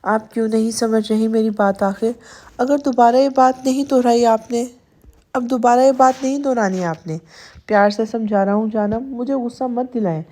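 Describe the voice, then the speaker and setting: Storybook husband, possessive and firm, mellow higher voice, as a woman reads him. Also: lightly acted. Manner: firm, turning tender then sulky. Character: possessive stern young husband, coaxing.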